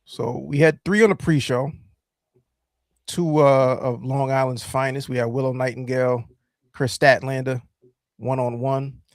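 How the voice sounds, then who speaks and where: Brief: male podcast host, mid-pitched, loose rambling delivery full of fillers, dry close mic. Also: steady tone, measured pace, no room sound. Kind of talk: casual chat.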